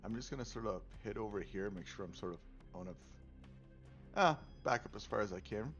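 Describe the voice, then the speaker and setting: A man's voice: lowish voice, fairly quick, a bit bright. A young man playing a tabletop game, laid-back and often correcting himself. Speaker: player. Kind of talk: casual tabletop game play. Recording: dull lo-fi recording, faint music.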